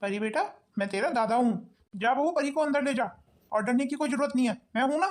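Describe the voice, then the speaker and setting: A woman's voice: sits high, a little fast, slight background noise, lightly acted. A woman voicing a kind, protective older grandfather in a cartoon, speaking firmly and earnestly. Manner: firm, earnest. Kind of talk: cartoon voice acting. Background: background music.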